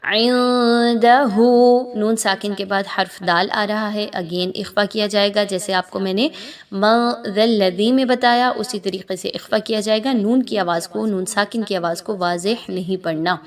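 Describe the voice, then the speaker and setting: Female tajweed teacher, mid-pitched; patient rule explanations, slow chanted word demos. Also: steady tone. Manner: explains pronunciation rules patiently, then demonstrates words slowly and drawn out.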